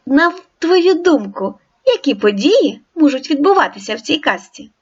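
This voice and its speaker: Woman teacher recording a children's reading lesson; high, lively, encouraging, dull recording. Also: normal speed. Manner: clear, encouraging instructions to the child. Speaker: primary school teacher.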